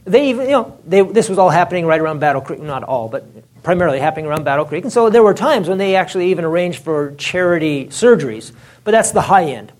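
A man giving an informal religious history lecture, animated and chatty, often laughing and saying "it's like" and "you know". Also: on the high side, fast talker.

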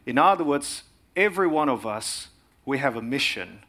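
A middle-aged man from Indonesia, giving an earnest sermon as a guest speaker, pausing often with fillers. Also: medium pitch, animated, fairly bright tone. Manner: earnest, frequent filler pauses. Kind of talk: sermon presentation.

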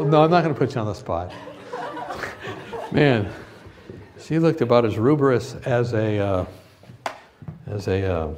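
A man's voice: medium pitch, a little mellow, slight background noise. A middle-aged man preaching a humorous sermon at a university gathering. He teases his listeners, laughs through his own stories, and gets the crowd to answer his questions.

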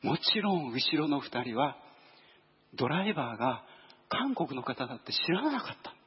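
A man preaching a storytelling sermon, lively and acting out voices and sound effects. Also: mid-range voice, moderate pace, breathy edge. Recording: dull lo-fi recording.

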